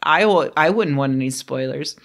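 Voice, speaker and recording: A young adult book vlogger chats unscripted on her channel, her deep, gravelly voice a bit throaty from a cold. She rambles with fillers and self-deprecating asides, speaking at a moderate pace with lively intonation.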